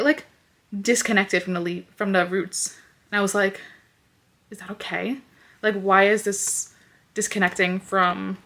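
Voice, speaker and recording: A young lifestyle vlogger with a stuffy, congested nose chats casually from her bedroom at home, sniffling and rambling with plenty of fillers. Her voice is medium in pitch and a bit bright.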